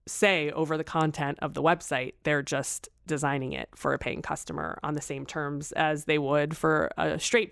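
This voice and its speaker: Woman, podcast co-host, smooth clear voice, lowish pitch, sarcastic and emphatic. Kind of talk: casual legal discussion.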